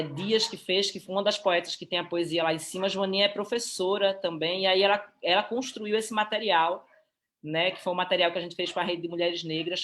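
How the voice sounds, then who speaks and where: A woman's voice: fairly low pitch, a bit bright. A Brazilian woman presenting a publication on a live stream, speaking in a heartfelt, emotional way. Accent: Brazilian Portuguese.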